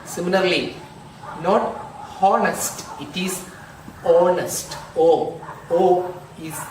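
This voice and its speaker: A male school teacher, slowly explaining grammar in an online lesson and repeating examples. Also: fairly high pitch. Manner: slow, repetitive, drills examples aloud. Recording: echoey room, distant mic, noisy.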